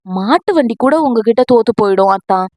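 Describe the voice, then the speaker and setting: A woman's voice: fairly high pitch, lively intonation, a little fast, a little mellow, no echo, close to an everyday voice. A woman doing an irritated young wife. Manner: snappy, complaining. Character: young woman, flustered and sharp-tongued.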